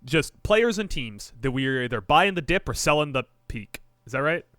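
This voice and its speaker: A Japanese man co-hosts a sports podcast, chatting casually and joking in an animated way, often restarting sentences and trailing off. His voice is a little high and his pace is normal. The recording is clean studio sound with no room sound.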